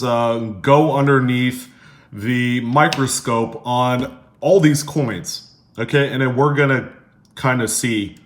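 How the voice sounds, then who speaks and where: A man hosting a casual hobby vlog, speaking haltingly and slightly slurred, with half his face numb from the dentist. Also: medium pitch. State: half of face numb after dental filling. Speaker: coin hobbyist video host. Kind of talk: casual hands-on vlog commentary.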